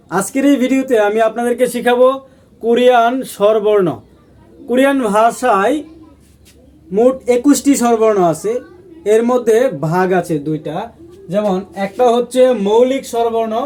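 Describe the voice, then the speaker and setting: A man teaching a language lesson, speaking slowly and repeating each sound aloud for learners. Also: very high voice, darkish tone. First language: Bengali.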